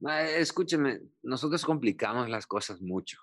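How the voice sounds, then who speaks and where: A middle-aged pastor from Chile giving his testimony in an interview, speaking earnestly with frequent fillers and halting restarts. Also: mid-range voice, lively intonation, fairly bright tone.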